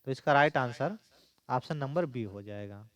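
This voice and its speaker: A man's voice: medium pitch, expressive, normal speed, a bit bright, no room sound. A man teaching an exam-prep lesson, explaining step by step and repeating key points.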